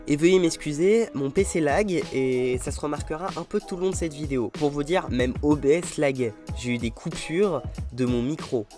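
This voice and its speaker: A man's voice: on the high side, moderate pace, hardly any pauses, darkish tone. A young man narrating his own gameplay in an upbeat, self-mocking voice-over. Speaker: gaming YouTuber. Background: game music.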